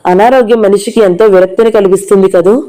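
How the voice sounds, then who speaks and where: A woman's voice: mid-range voice, fairly even intonation, fast, mellow, natural voice. A woman reading the part of an ill young woman who speaks in a weary, resigned way, in an audio novel.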